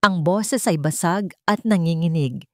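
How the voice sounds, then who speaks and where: Reading a dramatic scripted story, this female narrator speaks in a somewhat low, slightly mellow voice, measuring her words and pausing for effect. There's no room sound at all; the audio is completely dry.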